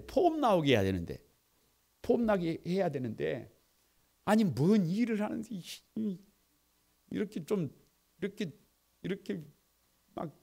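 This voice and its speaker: Animated male preacher, loud and soft by turns. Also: a little high, gravelly. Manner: animated, swings from soft asides to loud exclamations; leads congregation in reading aloud. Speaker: pastor. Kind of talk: lively sermon.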